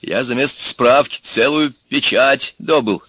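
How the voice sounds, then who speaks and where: A man voicing a frightened young peasant hero who blusters and shouts in desperation. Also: mid-range voice, a little slow, no echo, pitched above the performer's own voice. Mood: blustering.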